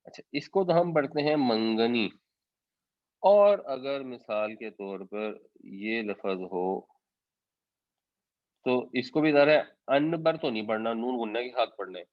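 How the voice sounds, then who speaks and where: A man's voice: medium pitch, animated, dry recording. A man explaining scripture as a teacher in a patient lesson, slipping English words into his talk. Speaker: Quran teacher. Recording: dry, slightly dull recording.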